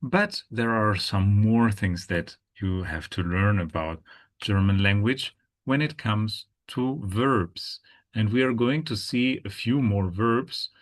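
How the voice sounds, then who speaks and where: A man teaching German pronunciation, speaking slowly and deliberately and repeating each word several times. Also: fairly low pitch. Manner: slow, deliberate, repeats words with gestures. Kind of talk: language lesson.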